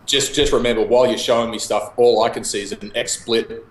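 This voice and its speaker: A young Australian man chatting casually over a video call, laid-back and quick to laugh, swearing now and then. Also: medium pitch, steady tone, roomy sound, poor audio. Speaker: guest homebrewer.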